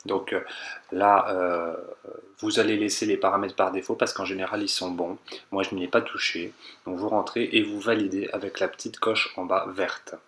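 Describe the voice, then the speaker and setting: A man calmly walking viewers through a technical car procedure step by step, repeating instructions and hedging his own interpretation. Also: sits low, moderate pace, a little hiss or hum. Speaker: car tech tutorial maker. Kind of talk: step-by-step voice-over tutorial.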